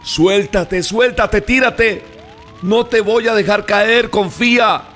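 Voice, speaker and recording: Guy putting on a frantic dad, yelling way up high, pleading, soft music under it. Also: fairly even intonation, slow pace. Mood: urgent pleading. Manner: pleading, urgent shouting. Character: desperate father shouting up to his trapped son.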